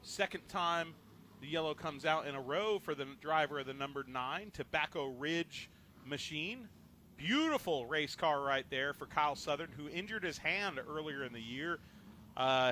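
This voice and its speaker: A male race commentator with a bright, forceful tone and a slightly higher pitch calls the action from a trackside booth. His voice jumps up and gets louder on green flags and wrecks, then drops back into relaxed joking. Faint track ambience and engine noise sit underneath. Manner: rises sharply in pitch and volume on restarts and wrecks, joking banter between calls. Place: announcer booth at a racetrack.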